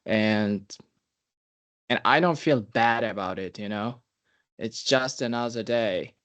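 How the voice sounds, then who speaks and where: A young man in his twenties hosts a casual podcast, speaking in a fairly low voice. He talks slowly and earnestly, reflecting as he goes and offering advice like an older brother. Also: fairly bright tone, highs cut off. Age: 20s. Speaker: podcast host.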